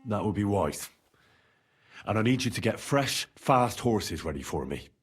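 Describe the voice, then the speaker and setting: A man's voice: lowish voice, sing-song, unhurried, husky, exaggerated voice. A male actor playing a confident young medieval adventurer in a video game, courteous but secretive, speaking politely and with purpose. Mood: discreet, courteous.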